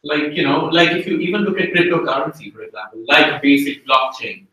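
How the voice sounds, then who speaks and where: A man's voice: on the high side, lively intonation, brisk, bright, forceful tone. A man in an informal group discussion, thinking aloud in a conversational way. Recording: very echoey room, distant mic.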